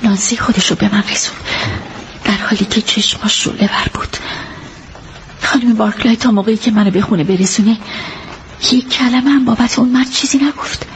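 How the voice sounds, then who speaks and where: With a slightly high voice that stays close to an everyday one, an actress pauses often as she voices a witness giving a statement in a radio drama dub. The character, earnest and loyal to her friend, carefully walks a detective through what happened that night. A little hiss or hum can be heard.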